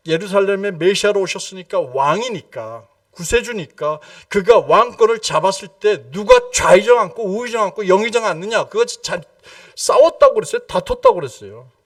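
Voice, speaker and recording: A male pastor delivers an evening prayer sermon in a high, sweeping voice that leaps between loud exclamations and hushed, low lines. He keeps quizzing the congregation with repeated questions. He is picked up from a distance, with a dry sound. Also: lively intonation, moderate pace, no room sound. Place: church sanctuary.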